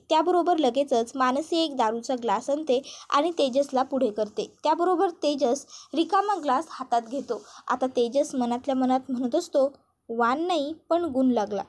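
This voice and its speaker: A woman recaps a TV serial scene by scene, her voice pitched high and her delivery brisk. She strings events together with steady linking phrases, a storyteller walking viewers through each episode.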